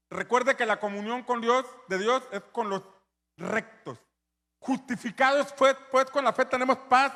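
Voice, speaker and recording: A man preaching a sermon as pastor, telling the story with animated energy and building to shouts. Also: extremely high pitch, big-room sound.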